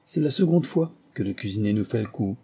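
A man voicing a blunt, rough-spoken trader who swears and thunders, in an audiobook. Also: on the low side, animated, brisk, dark tone. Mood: grim. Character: gruff blunt male colonial trader, swearing.

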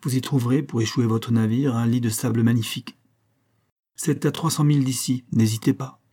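A man voicing a calm, wise man who speaks softly and without hurry. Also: mid-range voice, lightly acted. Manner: soft, unhurried, soothing. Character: calm wise man, gentle island elder.

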